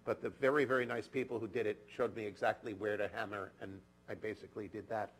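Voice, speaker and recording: A man giving a sermon in a synagogue, telling a story slowly and earnestly, often dropping to a soft, intimate tone. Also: on the low side, steady tone, breathy edge, low-quality recording. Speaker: clergy. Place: synagogue sanctuary.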